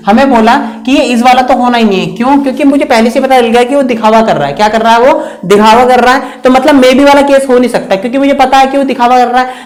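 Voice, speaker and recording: Man, grammar lesson, asks and answers his own questions, slows down for examples. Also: very high-pitched. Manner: repetitive, question-and-answer explaining, drawn-out English examples. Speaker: English grammar teacher. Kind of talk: classroom lecture.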